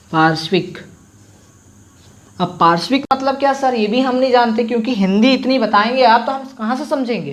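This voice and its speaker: High-voiced man teaching a grammar lesson. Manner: asks rhetorical questions and answers them himself; repeats sounds slowly for students to copy. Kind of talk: online exam-prep lesson.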